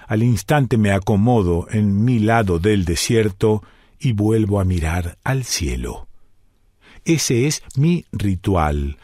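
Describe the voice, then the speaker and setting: Slow, contemplative man reading poetry. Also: medium pitch, a little mellow, no echo, studio quality. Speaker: radio columnist reading his own prose poem. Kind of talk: reflective poetic reading.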